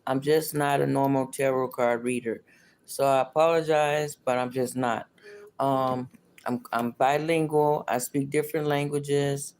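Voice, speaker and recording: A woman's voice: extremely low pitch, steady tone, measured pace, darkish tone. Toothless woman, chatty tarot reader, noisy stream. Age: middle-aged or older. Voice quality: toothless, slightly slushy articulation from missing teeth. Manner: repeats phrases over and over. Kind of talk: casual livestream tarot reading, chatty.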